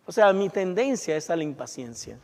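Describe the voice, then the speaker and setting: Male pastor, conversational sermon delivery, fairly high voice, echoing church hall. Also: sing-song, moderate pace, gravelly. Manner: conversational preaching with rhetorical questions and personal confessions. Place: church sanctuary.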